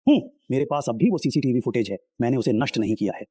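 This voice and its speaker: A greedy former gatekeeper squeezes his old boss for money in a husky, dark voice, as played by a man. He talks fast in this dubbed drama and swings between wheedling and threats. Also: medium pitch, lively intonation, no echo, studio quality.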